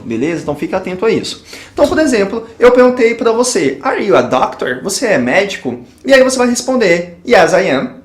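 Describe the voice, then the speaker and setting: A man teaching an English grammar lesson at a whiteboard. He explains patiently, checks in with the viewer after each point, and slows down to pronounce the example phrases. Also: high-pitched. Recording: echoey room.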